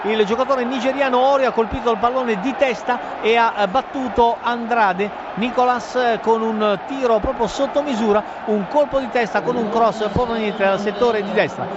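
High-pitched breathless man calling goals. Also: moderate pace, hardly any pauses. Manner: breathless, excited, urgent delivery. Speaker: football radio commentator. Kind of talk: live goal commentary. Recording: dull lo-fi broadcast, loud stadium crowd. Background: stadium crowd noise.

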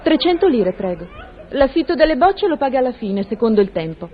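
A woman's voice: high-pitched, sing-song, brisk, highs cut off, some chatter behind. A woman playing a polite female bowling alley cashier with a courteous, formal manner.

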